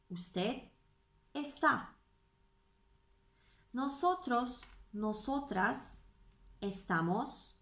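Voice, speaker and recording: Slow, patient woman teaching grammar. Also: sits high, echoey room. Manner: slow, patient, repeats examples and checks with "okey?". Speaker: Spanish teacher. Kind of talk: explaining grammar to Turkish learners.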